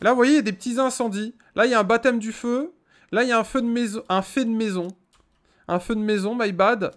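A man's voice: very high-pitched, steady tone, fast, fairly bright tone. A young man hosting casual gameplay commentary, exclamatory and slangy, speaking straight to his viewers. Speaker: gaming video host. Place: small indoor gaming room.

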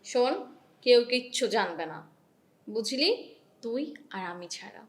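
A woman's voice: a little high, animated, unhurried, slight background noise. A woman playing a manipulative younger sister in a short-film drama who gives orders in a bossy, coaxing way. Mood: scheming.

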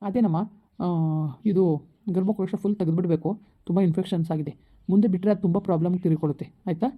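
A man playing a calm hospital doctor who explains things in a reassuring, repetitive way. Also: high-pitched, fast talker. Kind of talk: village comedy skit. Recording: tinny phone-like sound.

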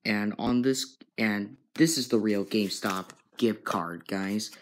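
A young man filming a casual home vlog, talking slowly and repeating himself, often calling out to his viewers. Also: lowish voice, slight background noise. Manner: slow and repetitive, keeps addressing "guys". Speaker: vlogger. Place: bedroom at home. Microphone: handheld phone camera.

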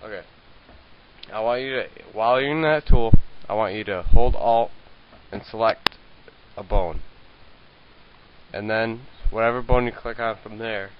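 Low-voiced young man with a hissy lo-fi mic. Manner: rambling, hesitant, many okays and fillers. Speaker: tutorial maker. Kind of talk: casual screen-recorded software tutorial. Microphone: handheld mic.

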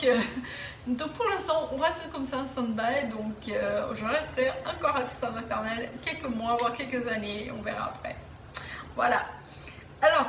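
Answering viewers' questions from her living room, a woman in her thirties talks casually to a camera set at a distance, stumbling through fillers and restarts. Her high, bright voice has a forceful edge, and the recording carries roomy echo and slight hiss or hum.

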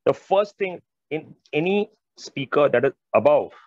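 His voice is a little high, expressive, and darkish, with a measured pace: a middle-aged man with an Indian accent presenting as an audio expert on a video call. Informal yet emphatic, he repeats phrases and addresses his audience directly while covering technical material. The audio, via wired earphones, is dull and band-limited with no echo.

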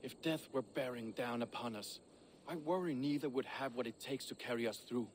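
A blunt, proud Viking shipbuilder, as a man acts him out, speaks in a gruff, plain-spoken way. His game dialogue sits at an ordinary male pitch. A faint hiss runs under it. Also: moderate pace, close to an everyday voice. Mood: candid. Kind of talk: video game voice acting.

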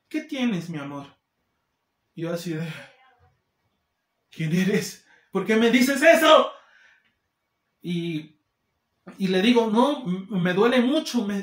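A man with a Mexican accent telling a casual storytime, animated and acting out the people he quotes. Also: high-pitched. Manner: animated, acts out quoted people in shifting voices. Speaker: vlogger. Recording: roomy echo.

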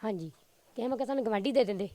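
Crying punjabi woman from majhi, talks fast, a bit high. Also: lively intonation, warm tone. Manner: plain, tearful telling of hardship. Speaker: interviewee.

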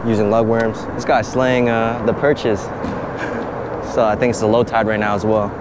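A young man fishes from an outdoor pier and narrates a casual vlog through a head-mounted action camera. His voice sits on the low side with a flat delivery and normal speed, though he comes across as chatty and upbeat. The outdoor camera audio carries clear noise.

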